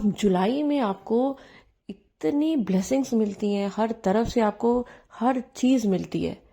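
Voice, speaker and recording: Woman, devotional host, earnest and pleading, mellow dark tone, halting restarts. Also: medium pitch, vocal fry. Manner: earnest, pleading, repeats herself with many restarts. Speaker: channel host sharing devotees' testimonies. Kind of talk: devotional talk to followers. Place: home room.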